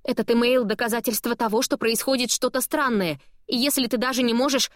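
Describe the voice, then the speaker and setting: Woman doing a frantic pleading coworker lady, higher, dry close audiobook sound. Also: steady tone, fast, no echo, lightly acted. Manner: pleading, agitated. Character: desperate middle-aged woman colleague. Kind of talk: audiobook character voice.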